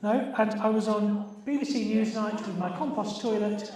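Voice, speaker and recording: Acting as quizmaster and host at a birthday party, this sixty-year-old British man calls out to guests in halting, rambling, casual chat. His voice sits high with a darkish tone, and a distant microphone picks him up in a very echoey room at the live event.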